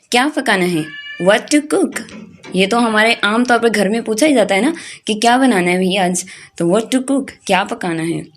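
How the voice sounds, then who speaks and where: Pakistani woman teaching English phrases. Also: a little high. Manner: says English phrases slowly and deliberately after the Urdu; addresses students directly, repeats for emphasis. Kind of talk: online language lesson.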